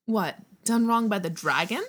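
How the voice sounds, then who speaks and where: A woman voicing a cheerful male hobbit storyteller in an amateur audio reading, eager and quick to defend himself. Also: medium pitch, lightly acted. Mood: defensive.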